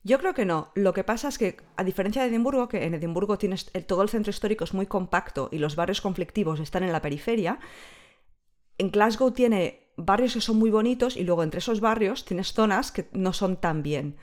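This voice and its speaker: A woman in her thirties, appearing as a podcast guest, explains things fluently in long stretches of casual conversation. Her medium-pitched, slightly mellow voice has lively intonation and moves fairly quickly.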